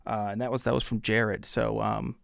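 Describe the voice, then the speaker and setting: A man hosting a casual solo podcast in a gravelly voice that sits on the low side. He talks bluntly and trash-talks his listeners, with plenty of ums and uhs. The sound is dry and close, with no room echo. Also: little pitch movement, moderate pace. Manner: blunt, trash-talking, with many fillers. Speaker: podcast host.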